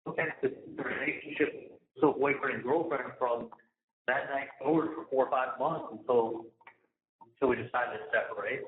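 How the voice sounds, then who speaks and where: A man's voice: mid-range voice, steady tone, moderate pace, slight background noise. Agitated man on a prison phone. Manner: agitated, indignant, repetitive, swearing. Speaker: inmate calling his mother. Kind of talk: phone conversation. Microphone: prison phone handset. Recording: tinny echoey prison phone line.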